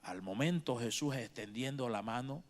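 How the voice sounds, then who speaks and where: Impassioned pastor, lively pitch. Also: male voice, moderate pace. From Bolivia. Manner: preaching with sharp swings in pitch and loudness, repeating phrases for emphasis. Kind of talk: sermon.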